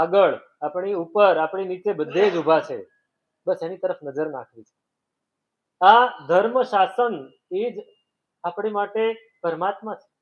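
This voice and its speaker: A man giving a devotional sermon, telling a story and acting out its voices and sounds. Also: on the high side. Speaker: preacher. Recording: tinny phone-like sound.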